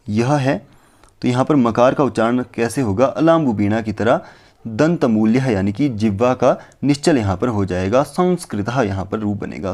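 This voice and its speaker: A man teaching a lesson, explaining points step by step and asking himself questions before answering. He recites verses slowly and carefully. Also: mid-range voice, darkish tone. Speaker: Sanskrit teacher. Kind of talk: explanatory lecture on phonetics.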